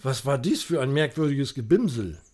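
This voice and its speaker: A man's voice: medium pitch, animated, normal speed, a little mellow, husky. A man voicing a proud, weepy old knight who speaks in a grand, old-fashioned, mournful way, in an amateur audio drama. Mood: puzzled.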